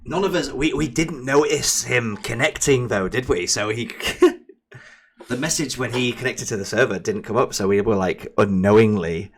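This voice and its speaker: A man's voice: medium pitch, normal speed. A man streaming a truck driving game, chatting casually and teasing his co-player, sometimes breaking into silly sing-song noises. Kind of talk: casual gameplay chat with a co-player.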